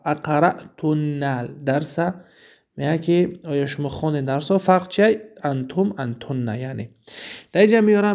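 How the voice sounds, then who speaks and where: A man with a Tajik-inflected Persian accent teaching Arabic grammar from a textbook, reading examples slowly and then explaining them quickly, often asking the listener questions. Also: on the high side, vocal fry, mellow. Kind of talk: recorded lesson explaining a textbook.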